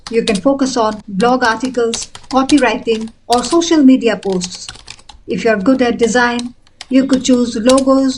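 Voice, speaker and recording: Woman, thirties, high-pitched, scripted tutorial narration, step-by-step, faint typing noise. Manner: clear, step-by-step instructional delivery. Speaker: freelancing coach.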